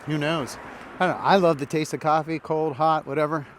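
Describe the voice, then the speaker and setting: A man's voice: on the high side, fairly even intonation, fairly quick, background noise. A man from Indianapolis, rambling casually in a walk-and-talk vlog while strolling outdoors in a large park. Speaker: vlogger.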